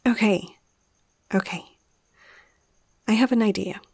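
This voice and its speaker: Heard close and dry, an amateur ASMR roleplayer portrays a young female vet in a fantasy scene, her husky, breathy, mid-range voice dark-toned and often sinking to a whisper. She talks slowly and haltingly, reluctant and nervous yet caring, firm and reassuring.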